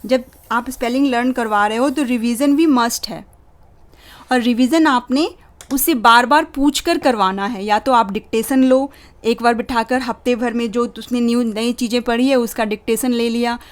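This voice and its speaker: A young woman, a parenting channel host, explaining to parents how to teach spelling, slowly sounding out words letter by letter and mixing English words into Hindi. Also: on the high side. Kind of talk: instructional talk for parents.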